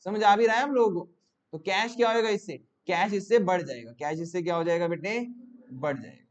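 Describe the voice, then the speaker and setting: A man's voice: high-pitched, lively intonation, a little fast, muffled recording. A male teacher giving a classroom lecture, repeating each question to his students and coaxing answers out of them. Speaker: commerce teacher.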